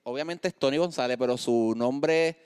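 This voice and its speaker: A man's voice: medium pitch, moderate pace, a little mellow, clear, resonant tone, big-room sound. A man hosting a casual podcast, laid-back and joking as he introduces guests. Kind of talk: casual chat.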